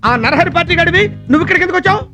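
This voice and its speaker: Whiny high-pitched man yelping in a comedy film. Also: rapid-fire. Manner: loud, whiny, yelping in pain. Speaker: comic film character. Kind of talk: slapstick film comedy acting. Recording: film soundtrack with music behind. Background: film score music.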